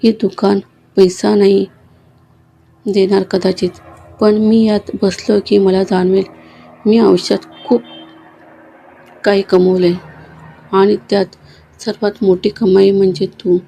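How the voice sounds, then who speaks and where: A woman reading a gentle, loving elderly father's lines in a storybook tale, in a tender voice. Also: mid-range voice, little pitch movement, takes it slowly, creaky, long pauses, slight background noise.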